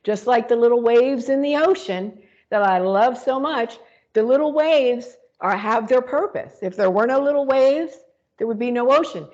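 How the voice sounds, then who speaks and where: A woman's voice: fairly high pitch, normal speed, darkish tone, muffled recording. A woman co-hosting a spiritual talk show, reflecting aloud in a rambling way with many fillers and restarts. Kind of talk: casual spiritual conversation.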